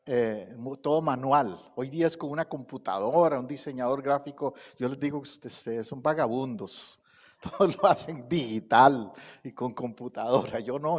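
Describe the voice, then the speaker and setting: A middle-aged man preaching a sermon, reciting scripture with rising emphasis and pausing often. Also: mid-range voice, big-room sound, dull audio. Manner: slow, deliberate pacing with pauses. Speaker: pastor. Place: church sanctuary.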